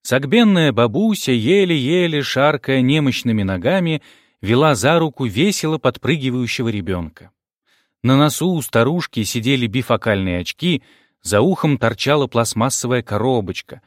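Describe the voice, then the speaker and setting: A man reads an audiobook in the first person, his pitch moving freely as he tells the story. He has a wry, polite storyteller's manner. The sound is close and dry, with no room around it. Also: expressive, normal speed, no room sound. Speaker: audiobook narrator. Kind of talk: first-person novel narration.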